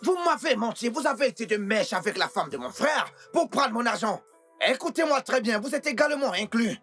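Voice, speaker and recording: An actor dubbing a furious, hot-headed man who shouts accusations and threats at hospital staff. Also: very high-pitched, animated, a little fast, faint music behind. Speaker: angry brother of a presumed-dead man. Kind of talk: dubbed film acting.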